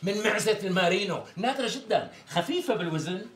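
A wheedling Damascene tailor in a TV sketch comedy. His patter runs quick and lively, climbing high and dropping low as he flatters and stalls, his voice sitting a little above a typical man's. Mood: sweet-talking. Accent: Damascene Arabic. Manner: wheedling, evasive, chuckling salesman patter. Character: smooth-talking flattering middle-aged male tailor.

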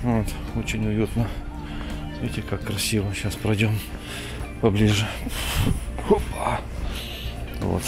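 Middle-aged man, low gravelly voice, relaxed street-tour chatter, music underneath. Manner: chatty, unhurried, coughs now and then. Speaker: vlogger. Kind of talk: casual walking tour commentary. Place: city street at night, outdoors.

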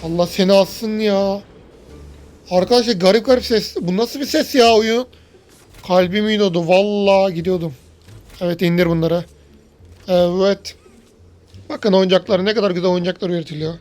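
Excitable man narrating his gameplay. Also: sits high, moderate pace, pauses often, soft background music. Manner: excitable, chatty, talks to viewers, yells when startled. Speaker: gaming YouTuber. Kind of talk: let's-play commentary.

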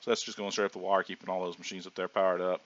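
Racing through his words, a middle-aged gaming host offers loose, casual commentary on his game, his low voice hoarse from a cold and sinus trouble. He keeps saying um and starting sentences over. The sound is dull and lo-fi, as if from a cheap home microphone.

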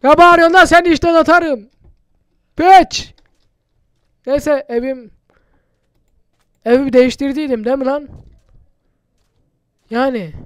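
A man's voice: very high voice, fairly even intonation, a little slow, pauses often, fairly bright tone, no room sound, clean studio sound. A man doing casual, chatty gameplay commentary for his channel, muttering to himself and swearing often. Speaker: gaming YouTuber.

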